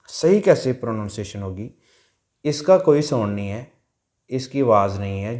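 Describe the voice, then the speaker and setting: A man with a low-pitched voice teaches a language lesson with patience, going over each point several times. He slowly sounds out the syllables one by one while faint music plays behind him. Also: warm tone.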